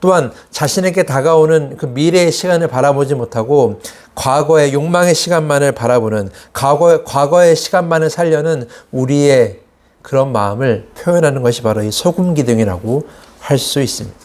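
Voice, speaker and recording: A man's voice: a little high, normal speed, darkish tone. A man preaching a Sunday sermon as pastor, asking rhetorical questions and acting out quoted complaints in a raised voice. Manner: asks the congregation rhetorical questions.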